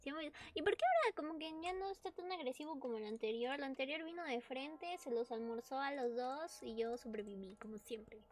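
A woman's voice: high-pitched, brisk, few pauses. A woman giving casual let's-play commentary on a horror game, chatty and easily startled, breaking into screams and nervous laughs. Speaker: gamer playing a horror game.

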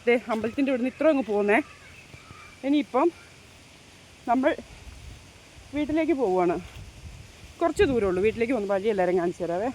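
A woman vlogging on a phone while she walks along outdoor roads, talking straight to her viewers. Her talk is loose and chatty, full of little check-ins with the audience. A faint outdoor hush sits under her voice. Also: on the high side, a little fast, pauses often, a little hiss or hum. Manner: chatty, keeps addressing viewers with tag questions. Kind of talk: casual walking vlog. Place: outdoors walking along roads, then at home.

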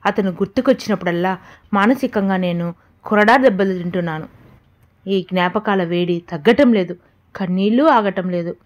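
A woman narrating a sad first-person story as an audiobook reader, slow and heartfelt. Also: medium pitch, lo-fi sound.

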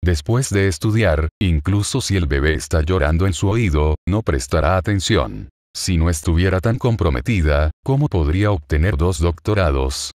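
A man narrating a translated web novel in an even, machine-like reading. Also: deep voice, moderate pace, hardly any pauses, no echo, studio quality. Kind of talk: scripted narration.

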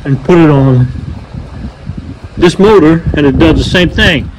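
With a voice on the high side and a measured pace, a man works on vintage outboard motors and talks through the repair in casual vlog narration. He's matter-of-fact and folksy, calls the motor "her," and there's background noise both in the workshop and outdoors by the water.

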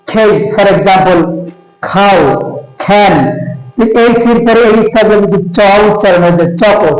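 High-voiced man explaining his grammar book. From Bangladesh. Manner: halting, mixes English words into explanations. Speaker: author of an English grammar book. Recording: echoey room.

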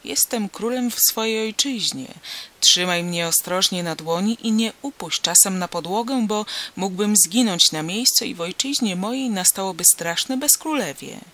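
A man's voice: high-pitched, moderate pace, pushed and bright. A man reading a storybook, voicing a tiny, pompous male king of miniature people who speaks in a self-important way.

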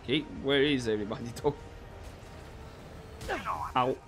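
A man's voice: mid-range voice, normal speed, soft background music. A man giving casual, reactive commentary while playing a video game. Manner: reactive, exclamatory. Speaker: game streamer.

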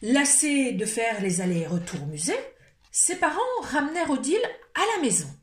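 A woman storyteller at a library, reading a picture book aloud with expressive, lively delivery. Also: a little high, moderate pace, reverberant, slight background noise.

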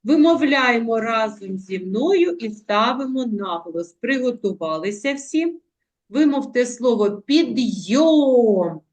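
A woman teaching young children in an online class, coaxing them with diminutives and drawing out words slowly for them to repeat. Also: on the high side, animated. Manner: affectionate, coaxing, uses diminutives; slow, drawn-out word modelling. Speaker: primary school teacher. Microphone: video call.

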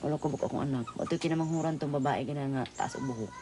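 A woman from the Philippines, a co-op member, talking at length in a documentary interview, rambling and halting, with many fillers. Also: low-pitched, background noise.

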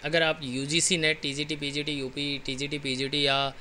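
Bright-voiced Indian man teaching exam prep. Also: fairly high pitch, flat delivery, slight background noise. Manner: switches between fast casual explaining and slow dictation-style reading of notes. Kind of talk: online exam-prep lecture.

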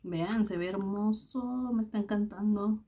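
A young adult woman with a mid-pitched voice hosts a casual beauty review vlog, addressing her viewers directly. She talks in a relaxed, chatty way, with plenty of fillers and affectionate diminutives. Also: measured pace, breathy edge. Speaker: beauty vlogger.

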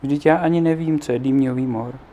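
A man's voice: medium pitch, steady tone, dark tone, close to an everyday voice. A man reading a dreamy young boy. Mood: earnest.

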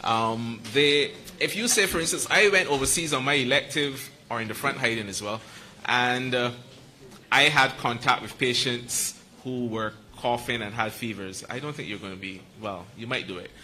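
A man answering questions at a press conference about quarantine and screening, explaining with quick asides. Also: mid-range voice, pushed and bright, slight background noise, poor audio. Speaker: medical school panelist.

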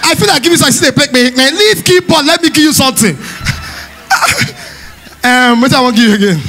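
A man from Delta State with a Nigerian Pidgin accent, doing loud, playful live stand-up at a church event. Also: extremely high pitch, lively intonation, fast talker, slight background noise. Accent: Nigerian Pidgin English. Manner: loud, playful, teasing the crowd, often shouting and laughing. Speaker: stand-up comedian. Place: church hall stage.

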